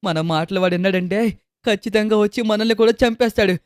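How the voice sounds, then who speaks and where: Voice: mid-range voice, fast, no room sound, lightly acted. A performer voicing a frightened cartoon boy who hides and begs for rescue in a game video. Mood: hushed. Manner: panicky, pleading.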